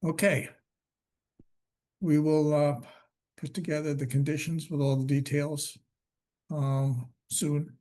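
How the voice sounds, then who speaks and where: A man chairing a public commission meeting by video call, talking in a halting way with many fillers, his voice worn from losing it. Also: a little high, steady tone, mellow.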